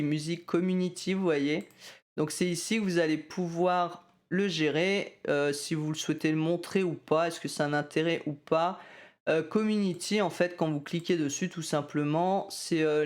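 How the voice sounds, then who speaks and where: Man, slightly high pitch, casual software walkthrough, hesitant, self-deprecating. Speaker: music tutorial host. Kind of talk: screen-recorded software tutorial.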